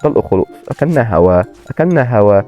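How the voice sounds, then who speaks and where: A man with an Egyptian accent commentating his own gameplay and repeating excited exclamations. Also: fairly low pitch, fast, muffled recording, faint music behind. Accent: Egyptian Arabic. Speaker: gaming channel host.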